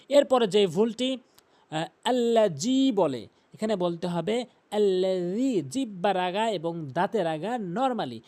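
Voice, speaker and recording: A man teaching Quran recitation, patiently repeating pronunciation rules and chanting slow examples. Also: high voice, darkish tone. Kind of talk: recitation lesson.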